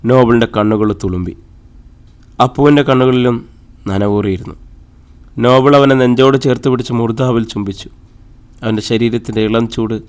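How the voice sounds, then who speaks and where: Calm male audiobook narrator. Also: medium pitch. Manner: calm, measured storytelling. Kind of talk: scripted narration.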